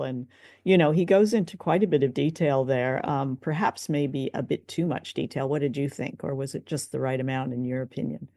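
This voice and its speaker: A woman co-hosting a podcast, leading the chat with lively, curious questions about an old radio play. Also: deep voice, dry recording, clean studio sound. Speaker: podcast co-host. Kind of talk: casual review discussion.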